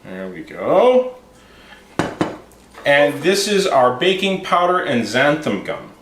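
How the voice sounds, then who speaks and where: A man leading a home cooking demonstration, calmly explaining each step to a child in a kitchen. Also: on the high side, slow pace, background noise. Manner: calm, explaining steps to a child. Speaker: home cook. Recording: roomy kitchen echo.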